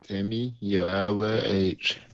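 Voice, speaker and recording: A man's voice: lowish voice, steady tone, unhurried, no echo. A man acting as a police recruiter in a roleplay game, giving curt, repeated commands. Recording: muffled voice chat with faint noise.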